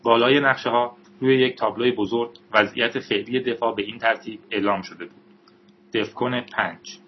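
Steady male audiobook narrator. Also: fairly low pitch. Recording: dull recording with faint hiss.

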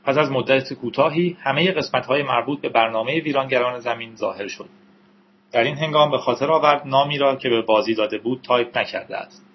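A man reading a novel aloud as an audiobook narrator, in steady storytelling with the odd aside to listeners. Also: mid-range voice, dull audio, slight background noise.

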